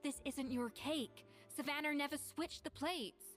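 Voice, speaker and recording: An actress playing a self-assured young woman head chef in a video game, measured, firm and slightly wry. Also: high-pitched, fairly bright tone, faint music behind.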